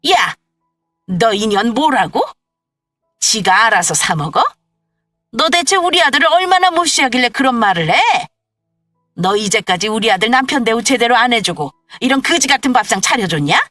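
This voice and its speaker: A woman voicing a bossy, contemptuous older mother-in-law who scolds in a shrill, sneering way. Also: very animated, moderate pace, sharp tone, no echo, far from the mic, soft background music. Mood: furious.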